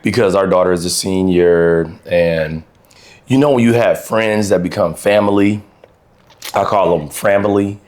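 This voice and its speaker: Man, middle-aged, very low voice, hoarse, relaxed podcast co-host. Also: a little slow. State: hoarse from yelling. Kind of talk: casual chat. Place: on location, not in a studio.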